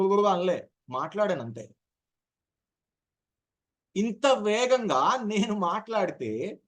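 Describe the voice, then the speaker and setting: A man with a slightly high-pitched voice coaching an online public-speaking class over a video call. He explains step by step in a deliberate way and drops in English terms. He often acts out little examples to show his point. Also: a bit bright. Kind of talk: online speech-skills lesson.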